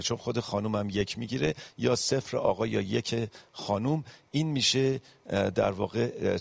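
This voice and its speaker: A man giving a medical panel lecture on cardiology, explaining step by step with frequent pauses and English medical terms mixed in. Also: fairly low pitch, creaky, slightly rough, no room sound. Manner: mixes English medical terms into his speech.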